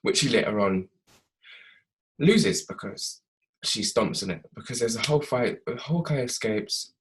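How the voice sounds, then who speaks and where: A young man casually recapping a TV episode, chatty and animated, laughing often. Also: mid-range voice, a little slow. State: tired.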